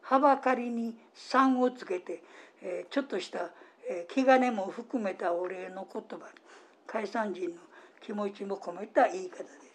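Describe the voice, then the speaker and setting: A woman with a Kansai accent hosting a radio talk, explaining in a gentle, unhurried way with soft fillers. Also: mid-range voice. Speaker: radio host.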